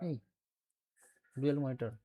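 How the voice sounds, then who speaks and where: A man's voice: medium pitch, fairly even intonation, measured pace, dull audio. A man teaching a computer class, explaining step by step and quizzing his students with questions. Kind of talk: classroom lecture.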